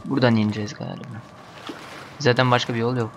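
A man with a Turkish accent commenting on a horror game as he plays, muttering to himself and breaking into panicked shouts when chased. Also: mid-range voice, little pitch movement, fast, creaky, slight background noise. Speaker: gamer.

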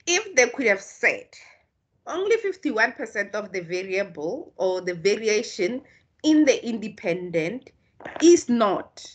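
A woman from South Africa, a native Tswana speaker, explains statistics in an online tutorial over a video call, patient and slow and restarting now and then. She sounds very animated, with a medium pitch and a breathy edge.

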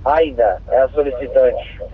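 A Brazilian-accented police dispatcher, speaking a little slowly with a medium, steady voice, reads out codes and numbers formally and politely over two-way radio. The narrow-band, tinny transmission has slight background noise.

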